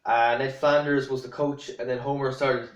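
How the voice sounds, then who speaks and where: A man's voice: mid-range voice, little pitch movement, normal speed, roomy sound, lo-fi sound. A man talking casually to camera, rambling and blunt, with many fillers and restarts. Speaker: vlogger.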